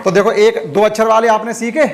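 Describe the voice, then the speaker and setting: A male primary school teacher with a high, steady voice gives a fairly quick classroom lesson, spelling words letter by letter and patiently repeating them. The classroom is noisy with chattering children in the background.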